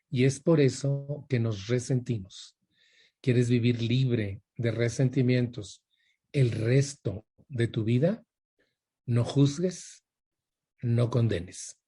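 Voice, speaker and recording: A man's voice: mid-range voice, warm tone, husky. An older man with a Mexican Spanish accent giving an emphatic motivational talk, repeating his points and asking the audience questions. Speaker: speaker for a women's support group.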